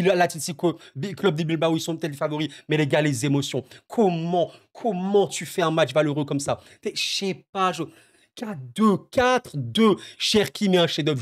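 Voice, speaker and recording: Agitated stammering man reacting to football. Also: a little high. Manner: agitated, stammering, emotional, addresses viewers as "les gars". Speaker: football YouTuber. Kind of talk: excited football reaction vlog.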